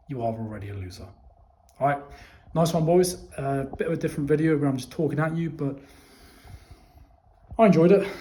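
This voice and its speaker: Dark in tone and medium in pitch, a young man's voice carries a casual opinion monologue aimed at his viewers. He's blunt, emphatic and sweary, speaking to them directly with repeated "okay?" check-ins, in an echoey, roomy recording.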